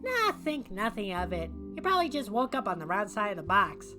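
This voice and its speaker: A woman's voice: mid-range voice, big pitch swings, fairly quick, music in the background, close to an everyday voice. A woman voicing a hyperkinetic, gleefully violent cartoon rabbit in a fan animation, wisecracking and flippant.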